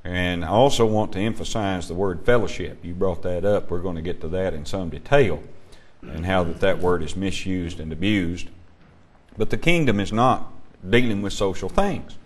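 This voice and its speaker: A man teaching a Bible class, emphatic and measured, putting questions to his students. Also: deep voice.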